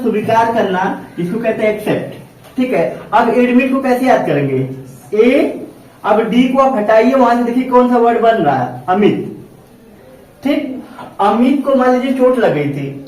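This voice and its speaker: Man teaching a class, high voice, asks and answers his own questions, very echoey room, far from the mic. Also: darkish tone. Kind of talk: classroom vocabulary lesson.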